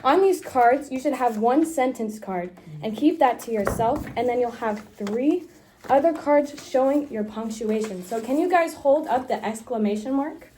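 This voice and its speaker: A woman's voice: fairly high pitch, expressive, moderate pace, warm tone, slight background noise. A young woman student teacher leading a classroom micro-teaching lesson, upbeat and encouraging, with frequent laughs.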